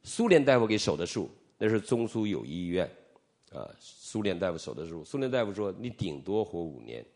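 A man's voice: fairly low pitch, a little fast. A middle-aged man from Northeast China, a preacher telling his testimony in a sermon and acting out the dialogue as he goes. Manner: animated storytelling, acting out dialogue.

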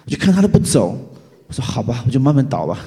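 Pastor man telling a lively testimony. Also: medium pitch, quick pace, vocal fry. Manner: animated storytelling, acts out his own reactions. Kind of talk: testimony sermon. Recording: long hall reverb.

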